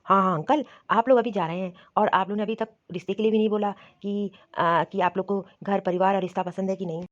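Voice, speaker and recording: A woman's voice: medium pitch, steady tone, a little fast, highs cut off, natural voice. A woman voicing a young married son in a cartoon, nagging and dismissive toward his wife.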